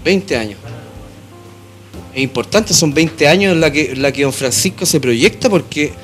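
Chilean man, interview host, raised pitch, informal halting questions, handheld mic, television studio. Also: expressive, a bit bright, soft background music. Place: television studio with small audience. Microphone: handheld microphone.

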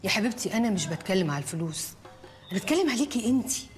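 A woman's voice: medium pitch, sing-song, rapid-fire, soft background music, close to an everyday voice. An actress playing a fussy, doting Egyptian mother. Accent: Egyptian Arabic. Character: fussy wealthy mother, middle-aged. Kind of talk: TV comedy series acting.

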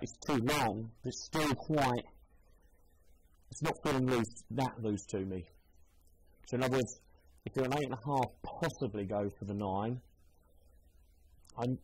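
A man's voice: mid-range voice, a little hiss or hum, low-quality recording. A man, a shoe seller giving a casual, chatty demonstration and thinking aloud as he goes. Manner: chatty, thinking aloud while trying on shoes.

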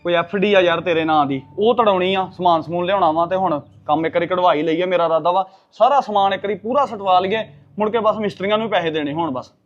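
An actor playing a busy, impatient young husband and son. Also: male voice, high voice, fast, lo-fi sound, soft background music, close to an everyday voice.

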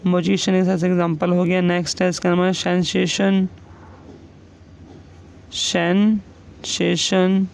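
A man with a high, gravelly voice teaches shorthand, saying each example word slowly and repeating it. There is a faint hiss of noise behind him. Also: a little mellow, poor audio. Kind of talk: classroom explanation.

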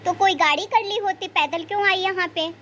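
A performer lowering their voice as an impatient grown son. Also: brisk, a bit bright, a little hiss or hum. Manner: exasperated, scolding. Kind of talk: cartoon voice acting.

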